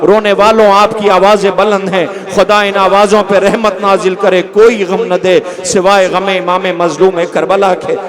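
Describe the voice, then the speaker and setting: Male preacher, very high voice, slow and impassioned, wailing cries, recorded with a gathered crowd audible. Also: little pitch movement. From northern India. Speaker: maulana preacher. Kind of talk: mourning sermon recounting a martyrdom tragedy. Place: large indoor mourning gathering. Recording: mourners' crowd sounds behind.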